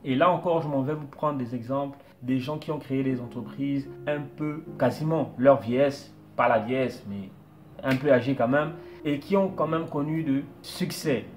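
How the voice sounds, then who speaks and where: A man's voice: medium pitch, moderate pace. A man coaching viewers on starting a business, explaining step by step and repeating his points. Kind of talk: motivational talk to camera.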